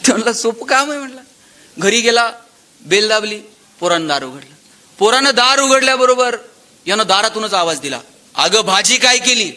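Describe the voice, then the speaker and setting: Animated, bright-voiced man lecturing. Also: high-pitched, normal speed, pauses often. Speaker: motivational speaker. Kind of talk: public lecture with storytelling.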